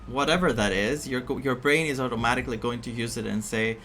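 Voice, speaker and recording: Talking fast in a slightly bright, medium-pitched voice, this streamer chats his way through a story game as game music plays. He fills his rambling with fillers, teasing the vague fortunes in exaggerated voices. There's a little background noise.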